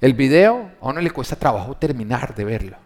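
A man preaching a sermon in a mid-pitched voice, talking to his listeners directly. He fires rhetorical questions at the congregation and swells louder to drive home his key points. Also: sing-song, a little fast. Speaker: pastor.

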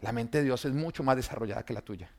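A man, preaching an emphatic sermon that swings between loud and quiet, full of rhetorical questions and humor for the congregation. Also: mid-range voice, fast. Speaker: pastor.

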